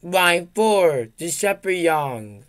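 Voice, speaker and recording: A man making recorded train station announcements, calling out stops in a measured, evenly spaced way. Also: high-pitched, animated, a little hiss or hum. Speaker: transit announcer.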